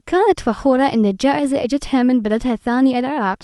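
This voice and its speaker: Female narrator for scripted tribute piece: high voice, brisk pace, very dry sound. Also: mellow, no echo.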